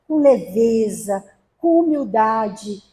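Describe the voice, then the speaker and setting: High-voiced Brazilian woman lecturer. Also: expressive, slow, warm tone. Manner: storytelling with acted quotes and humor. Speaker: spiritist lecturer. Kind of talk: spiritist talk to a gathering. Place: spiritist center hall.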